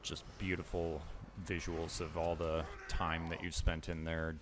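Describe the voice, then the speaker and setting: A man's voice: sits low, completely flat delivery, unhurried, noisy background. A man streaming a video game, chatting in a laid-back, casual way as he plays. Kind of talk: casual gameplay commentary.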